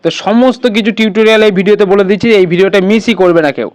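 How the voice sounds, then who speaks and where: The speaker is a man whose high-pitched voice races along with a clear, resonant tone. As host of a relaxed step-by-step tutorial, he instructs and checks again and again that people are following.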